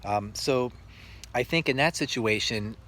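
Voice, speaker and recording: A male teacher telling reflective stories about his work in an earnest, halting way with many pauses. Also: medium pitch, fairly bright tone, slight background noise. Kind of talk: reflective storytelling monologue.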